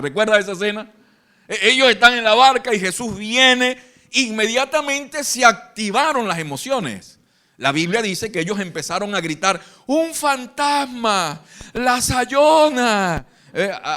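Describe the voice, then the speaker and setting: Animated Venezuelan pastor preaching. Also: male voice, high voice. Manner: animated, acts out Bible scenes in voices. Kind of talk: live sermon. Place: church hall.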